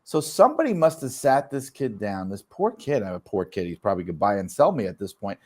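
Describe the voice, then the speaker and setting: A man's voice: lowish voice, fast. A middle-aged man on a podcast, telling stories with incredulous asides. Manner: animated storyteller, incredulous asides. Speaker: podcast panelist. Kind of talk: casual podcast chat.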